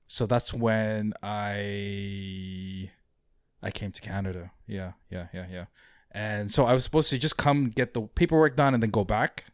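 A man's voice: fairly low pitch, unhurried, clean tone, no room sound, studio quality. A young man from Mauritius, raised in Saudi Arabia, chatting as an interview guest, with lots of fillers and restarts. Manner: hesitant, many fillers and restarts, chuckles easily. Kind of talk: casual interview chat.

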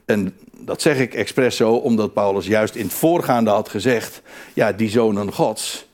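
A man with a voice on the low side preaches a little slowly. Animated and emphatic, he repeats his phrases and restarts them often.

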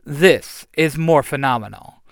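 A man's voice: a little high, a little slow, creaky, no room sound, studio quality. Man doing an eager young heroine. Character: eager young female hero.

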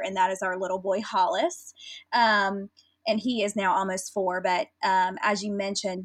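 A woman's voice: medium pitch, no echo, low-quality recording. A woman in her thirties with a Southern US accent, a podcast guest chatting earnestly about her family and work. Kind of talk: casual interview chat.

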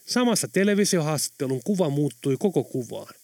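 Measured male audiobook narrator. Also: fairly high pitch, big pitch swings, gravelly, dark tone, no room sound, clean studio sound. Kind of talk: scripted narration.

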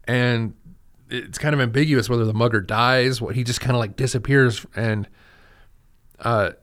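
A man casually recapping a film on a podcast, rambling with lots of restarts and enthusiastic asides. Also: medium pitch. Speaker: podcast host.

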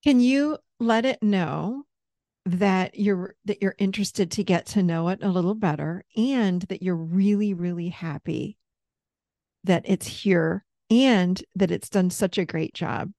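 A woman therapist gently guiding someone through a parts-work session with patient, step-by-step prompts. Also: mid-range voice, a little slow, no room sound, clean studio sound.

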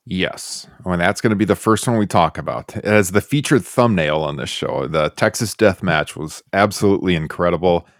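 This podcast host from the Chicago area keeps the review talk casual, poking fun at himself as he goes. He speaks low and briskly with few pauses, recorded at studio quality with no room sound.

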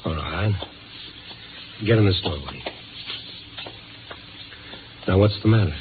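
In a 1950s radio drama, the lead actor and narrator plays a tough, sardonic newspaper reporter recounting his night investigations in terse, wry noir narration with a wry, pressing mood. His voice is low, animated and slow, and the tinny recording has music behind it and a noisy background.

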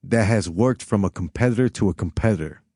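A man's voice: lowish voice, quick pace, warm tone, breathy edge, no room sound, studio quality. An American man interviewing a colleague in casual chat, chummy and encouraging, often chiming in.

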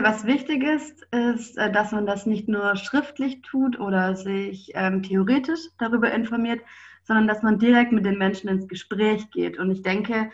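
Speaking fluently and thoughtfully as a podcast guest in a casual interview, a young German woman has a medium-pitched voice. The audio sounds dull.

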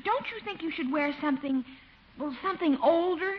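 Young niece, high and lively, fretful; dull vintage broadcast. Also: female voice, fairly quick, slight background noise. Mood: worried. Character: caring young niece, gently worried. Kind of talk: 1950s radio sitcom acting. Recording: muffled old radio broadcast recording.

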